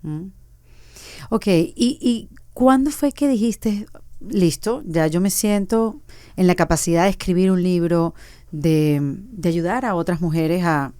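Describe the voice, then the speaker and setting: A woman's voice: lowish voice, slow, mellow, no echo, studio quality. A woman hosting an interview, conversing casually and affirming her guest. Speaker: host.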